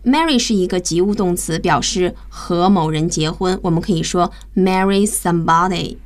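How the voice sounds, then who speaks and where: At normal speed and a fairly low pitch, a woman teaches English over the radio as the program's host. Her explanations of vocabulary proceed step by step, and she spells out each word letter by letter.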